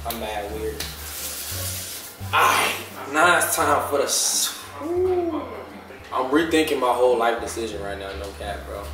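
A man in his twenties chatting casually in street slang to camera, hosting a food challenge vlog in an animated, exclaiming way. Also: medium pitch, a little slow, recorded from a distance, noisy background. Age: 20s. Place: home kitchen, indoors. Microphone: camera a few feet away. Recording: very echoey room, off mic, music behind. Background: music.

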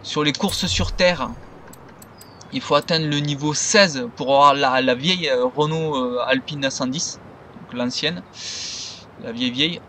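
A man's voice: mid-range voice, measured pace, sharp tone, a little hiss or hum. A man giving loose, rambling commentary over his gameplay as a gaming video creator.

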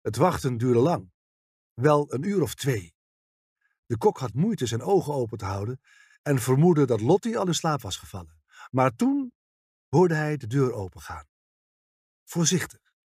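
A man's voice: mid-range voice, very animated, moderate pace, mellow, husky, dry recording, clean studio sound. A man narrating a detective audiobook, reading expressively and voicing all the characters.

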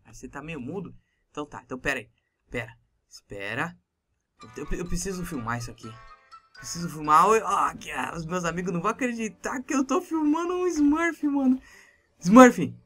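Excitable male gamer, Brazilian Portuguese accent, lively swooping delivery, bright tone, light music under him. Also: high-pitched, brisk. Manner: excitable, exclamatory, jumpy. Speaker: gamer YouTuber. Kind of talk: Minecraft let's-play role-play.

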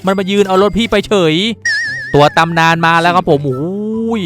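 A young man narrates his gameplay with a high, lively voice, teasing the other players and bursting into excited yells. Light background music plays quietly under his commentary. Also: normal speed. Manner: playful, teasing, shouting bursts. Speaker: gaming YouTuber. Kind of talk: excited Let's Play commentary.

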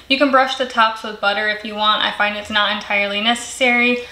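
A woman's voice: medium pitch, fairly even intonation, a little fast, bright, forceful tone, roomy sound, rough recording. A woman giving a friendly step-by-step cooking voice-over in a home kitchen. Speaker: cooking channel host.

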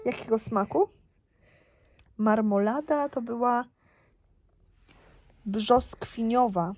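Female reader for a children's picture book, patient and clear, quizzing a young listener. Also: mid-range voice, expressive, darkish tone, no room sound. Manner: slow, careful, asks the child questions.

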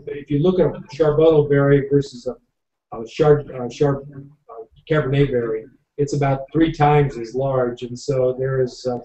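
An older winery owner with a warm, mid-range voice hosts a live tasting over a video call from his home office, chatting at length with plenty of fillers. His webcam picks him up from far off, so the audio is dull and echoey.

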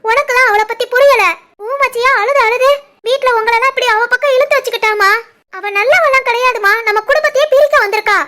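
A woman voicing a spiteful, taunting young sister-in-law in an animated family cartoon, with a Tirunelveli Tamil accent. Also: extremely high pitch, fast. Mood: shrill. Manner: taunting, accusing.

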